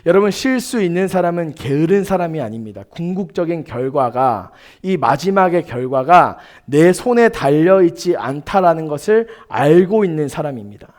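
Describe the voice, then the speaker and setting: Emphatic preacher with a slightly high voice. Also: male voice, lively intonation, normal speed, hardly any pauses, darkish tone. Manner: emphatic, rhetorical questions to the congregation. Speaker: pastor. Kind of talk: sermon. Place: church sanctuary.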